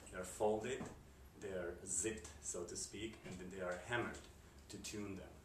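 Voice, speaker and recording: Deep-voiced man with Slovak accent. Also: fairly even intonation. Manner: halting, full of fillers and restarts. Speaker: composer and curator. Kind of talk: interview answers. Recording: roomy, distant mic, noisy background.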